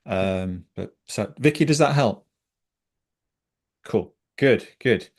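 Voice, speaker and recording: A man's voice: on the low side, slow pace. Passionate man co-hosting a webinar. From Britain. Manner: passionate, animated, chatty. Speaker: scrum trainer and webinar co-host. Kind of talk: online webinar discussion.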